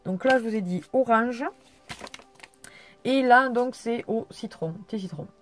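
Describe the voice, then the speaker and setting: A woman's voice: a little high, a little slow. A tired young woman chatting through a casual haul video, rambling and hesitant with many fillers. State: tired, yawning. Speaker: vlogger.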